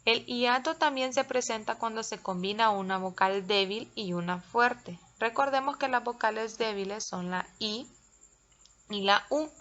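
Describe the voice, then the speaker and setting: Slow, careful woman teacher. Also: a little high, a bit bright, highs cut off. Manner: slow, careful, spells out syllables. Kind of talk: recorded classroom lesson.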